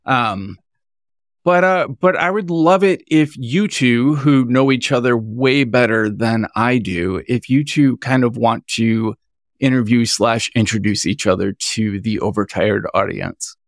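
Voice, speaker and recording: A man hosting a podcast in casual chat, upbeat and quick to laugh. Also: mid-range voice, no echo, studio quality. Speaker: podcast host.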